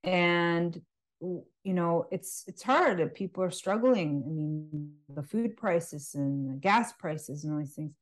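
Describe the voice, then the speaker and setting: A woman's voice: lowish voice, lively intonation, slow. A woman, a guest on a casual podcast, talking in a wry, sarcastic way and laughing between remarks. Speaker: podcast guest, natural health practitioner. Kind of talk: casual conversational interview.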